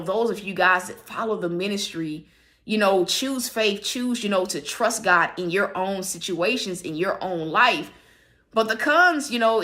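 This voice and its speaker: Bright-voiced woman sharing heartfelt struggles. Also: mid-range voice. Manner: heartfelt, confessional, frequent "you know" and "like". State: emotional, on the verge of tears. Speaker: ministry livestream host. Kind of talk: candid spiritual sharing on a livestream. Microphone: streaming setup.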